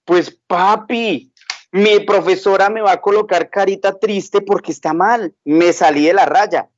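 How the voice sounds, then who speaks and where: A man's voice: high voice, measured pace, dull audio, voice pushed up. A man voicing an anxious five-year-old girl who pleads insistently with her father. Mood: worried, pleading.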